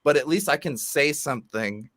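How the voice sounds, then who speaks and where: Bright, dry-voiced man chatting casually. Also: a little high, moderate pace, no echo. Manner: relaxed, rambling with fillers and restarts. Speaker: guest. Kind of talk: casual conversational interview. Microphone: remote video call.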